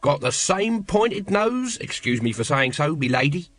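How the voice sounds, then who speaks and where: Audiobook character: cheeky watchman, male narrator performing, ingratiating and chirpy, slightly high, bouncy delivery. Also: sing-song, unhurried, a bit bright. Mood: chirpy, smart. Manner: chirpy, matey, servile. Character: cheeky, ingratiating scruffy male city guardsman.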